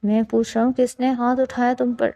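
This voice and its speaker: A woman's voice: fairly high pitch, flat delivery, warm tone, close to an everyday voice. A woman voicing a stern, protective young husband who speaks in a firm, commanding way in a storybook reading. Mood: angry.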